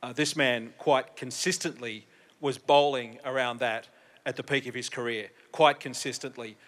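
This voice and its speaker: A man's voice: medium pitch, steady tone, normal speed, a bit bright. A man hosting an on-stage interview, joking and playing to the crowd. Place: convention stage.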